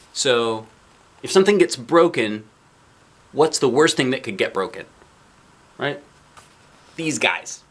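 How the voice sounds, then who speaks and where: In a mid-range, fairly bright voice, a man reads a children's picture book aloud. Along the way he chats, poses questions to the listener, and pauses to describe the illustrations.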